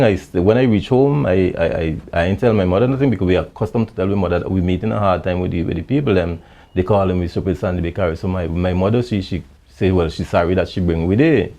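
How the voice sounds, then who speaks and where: In an oral history interview, a man from St Vincent recalls his childhood in a Vincentian Creole accent, halting and repeating words as he speaks. His voice is low-pitched and mellow.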